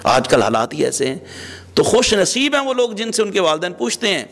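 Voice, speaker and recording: Preacher guy doing a sermon, raspy fry in his voice, echoey hall, keeps repeating his pleas. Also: sits high, very animated, fairly bright tone. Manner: emotional, repetitive pleading phrases. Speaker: Islamic preacher. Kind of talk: Urdu sermon. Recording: long hall reverb.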